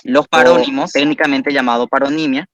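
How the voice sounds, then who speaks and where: A man's voice: mid-range voice, fairly even intonation, brisk, fairly bright tone. A man teaching a language class, explaining patiently step by step and praising students.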